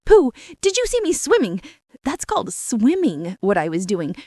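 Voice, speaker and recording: A woman voicing an excited, boastful little baby kangaroo with a squeaky voice. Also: normal speed, no room sound, studio quality.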